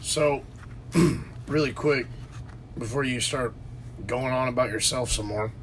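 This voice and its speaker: In a low-quality recording with slight background noise, a man co-hosts a podcast from his home basement. His mid-range voice moves slowly as he rambles through a story in casual chat, full of restarts and fillers.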